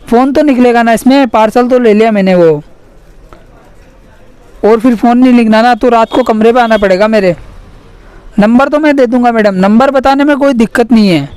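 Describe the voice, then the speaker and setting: Man, high-pitched, clear smooth voice, prank phone call, insistent, pleading, keeps saying madam. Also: darkish tone, no room sound. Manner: insistent, repeats "madam" constantly. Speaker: prank caller.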